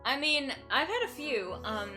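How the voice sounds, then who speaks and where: A woman's voice: high voice, big pitch swings, unhurried, over music. A woman live streaming a game, reading aloud expressively and chatting with wry asides.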